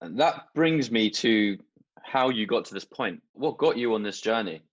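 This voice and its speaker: A man's voice: lowish voice, lively intonation, normal speed. A man interviewing a guest, asking conversational, leading questions. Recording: dull lo-fi sound.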